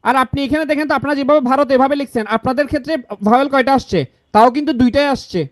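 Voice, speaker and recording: A man's voice: extremely high pitch, racing, no echo. A young man teaching grammar in an online exam-prep lecture, repeating key answers and asking the class questions.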